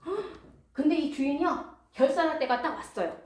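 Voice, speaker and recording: A woman preaching a storytelling sermon in a church, high and lively, often asking her congregation questions. She sounds distant in a roomy hall, with faint noise underneath. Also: moderate pace. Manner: animated, asks the congregation questions.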